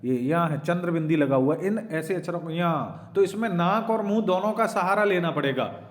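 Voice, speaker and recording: A man's voice: a little high, moderate pace. A man teaching an exam-prep lesson, patiently explaining and sounding out vowels, often asking "right?" and calling his students children. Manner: demonstrates vowel sounds aloud.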